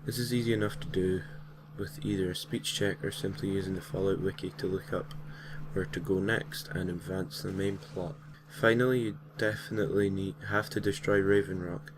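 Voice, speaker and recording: There is background noise as a man with a low, steady voice narrates at a moderate pace with few pauses. He hosts and narrates a gaming creepypasta series, reading a gaming story from a script informally with casual, slightly hesitant asides.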